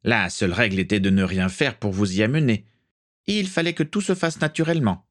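A jovial, teasing crewman with a low voice, as the narrator plays him. He talks playfully and with a grin in this storybook reading. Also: lively intonation, a little fast, fairly bright tone.

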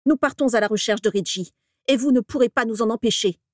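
A woman's voice: on the high side, a little fast, no echo, studio quality, lightly acted. A woman doing a fierce defiant witch. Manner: forceful and defiant. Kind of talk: audiobook reading.

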